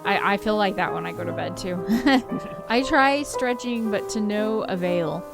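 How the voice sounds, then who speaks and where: A woman with a gravelly, medium-pitched voice streams a visual novel, reading it aloud casually at a measured pace. She drops informal, giggly asides as she chats, with the game's soundtrack playing in the background.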